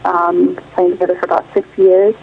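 Heard through a tinny phone connection, the guest singer from Illinois, United States, has a lowish, gravelly voice that barely moves in pitch. She talks a little fast yet thoughtfully, often reaching for words with fillers.

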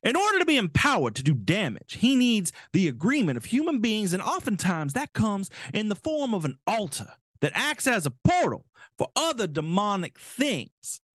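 Guy doing a preachy zealot politician voice, high and overwrought, dry close sound. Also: wildly swooping pitch, moderate pace, dry recording, full character voice. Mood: preachy, zealous. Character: zealous male politician preaching about demons.

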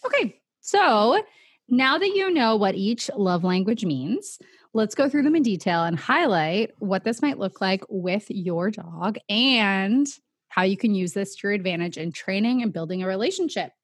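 A woman's voice: mid-range voice, expressive, normal speed, slightly rough, no room sound, studio quality. A woman co-hosting a podcast on a radio station, chatting in a lighthearted, casual way. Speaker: podcast co-host. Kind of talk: casual chat. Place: radio studio.

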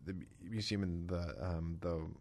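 A man's voice: deep voice, steady tone, moderate pace, darkish tone. A man co-hosting a podcast, easygoing and agreeable, chiming in with short affirmations. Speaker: podcast co-host. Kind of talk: casual chat.

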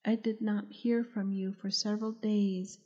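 A woman's voice: mid-range voice, level tone, measured pace, a little mellow, dull audio, natural voice. A woman voicing a frightened young mother held captive in a storybook, her words shaky and fearful.

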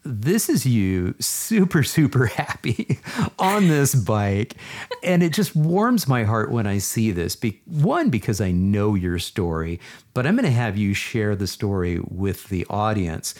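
Recorded over a video call, a male podcast host conducts a casual interview, effusive and enthusiastic, often repeating words for emphasis. His fairly low voice has a sing-song lilt, a measured pace and a slightly mellow quality.

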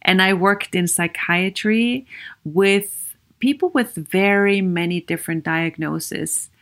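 An Austrian woman psychologist hosts her podcast by herself, speaking with a Viennese Austrian German accent. Her medium-pitched voice is fairly bright with fairly even intonation, and her earnest, encouraging talk is full of questions to listeners and "you know" as a pause filler.

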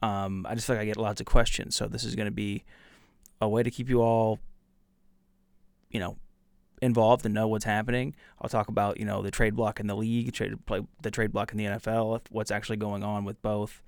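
A man's voice: on the low side, little pitch movement, brisk, creaky, darkish tone, clean tone, no echo, studio quality. A man hosting a casual solo podcast, talking bluntly and trash-talking, with lots of ums and uhs. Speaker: podcast host.

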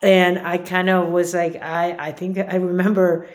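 Female guest from Peru, earnest and reflective, slightly low pitch. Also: level tone, measured pace. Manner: earnest, reflective, with many fillers. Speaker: podcast guest, author. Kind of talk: personal interview.

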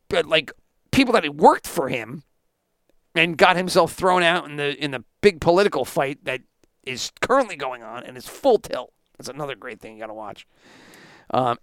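A man's voice: on the high side, a bit bright, smooth, dry recording, studio quality. A man hosting a sports podcast, ranting indignantly and sarcastically, with plenty of swearing. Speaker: podcast host.

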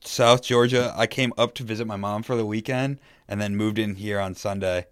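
A man's voice: lowish voice, fairly even intonation, normal speed, clear, resonant tone, no echo, studio quality. A young man chatting casually with the laid-back, slangy manner of a frat bro. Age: young adult. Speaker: college esports club coordinator, interviewee. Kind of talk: casual chat.

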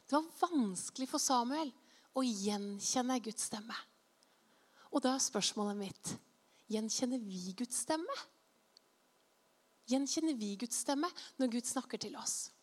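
This woman preaching a sermon tells an anecdote and reads scripture in an animated storytelling style, acting out the quoted voices. Her pitch is fairly high, she pauses at length, and the sound trails off in a long reverb tail.

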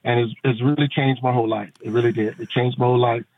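A man's voice: mid-range voice, steady tone, fast talker. A middle-aged man, a pastor and veteran, talking earnestly on a phone-in radio interview with many fillers and restarts. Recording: tinny phone line.

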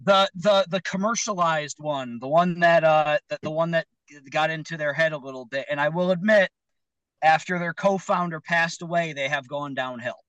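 A man's voice: a little high, normal speed, clean tone, dry recording, poor audio. A man, a magician guest, chatting casually. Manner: animated, chatty, acts out quotes. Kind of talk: casual chat.

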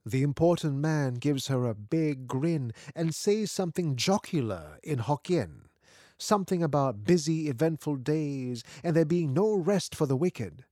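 Measured, expressive male storyteller. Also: a little high, dry recording, studio quality. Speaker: narrator. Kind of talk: scripted literary story narration.

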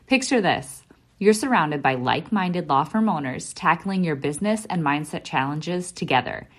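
Lowish voiced woman doing a peppy ad read. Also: expressive, moderate pace. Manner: upbeat, salesy. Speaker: ad announcer. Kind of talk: scripted promo read.

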